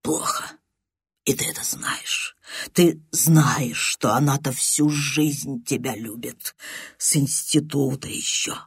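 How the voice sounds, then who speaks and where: A reader voicing a desperate, jealous man with a torn, hoarse, shuffling voice, speaking in a grim half-whisper. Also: medium pitch, takes it slowly, no echo, clean studio sound, full character voice. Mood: grim accusing. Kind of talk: audiobook character voice.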